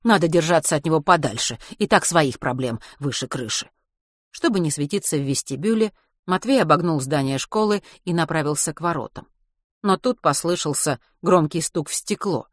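Woman narrator, audiobook reading, lowish voice, dry close sound. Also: lively intonation, normal speed, dry recording. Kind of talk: scripted narration.

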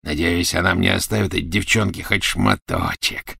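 A man's voice: low voice, wildly swooping pitch, normal speed, creaky, sharp tone, breathy edge, dry recording, studio quality, exaggerated voice. A man voicing a savage male werewolf who growls and wheezes in a storybook reading. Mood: gloating.

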